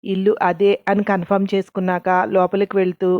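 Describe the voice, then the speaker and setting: A woman narrating a story as a storyteller, reading in a steady, even way. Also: medium pitch, brisk, no room sound, muffled recording. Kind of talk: scripted narration.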